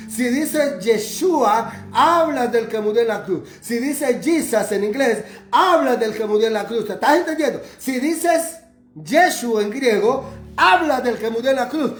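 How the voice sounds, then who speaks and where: A man delivers a fervent sermon, building on repeated phrases. His voice rings in a roomy space, and faint instrumental music plays underneath. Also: very high voice. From Honduras. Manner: fervent, repetitive preaching cadence. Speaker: preacher.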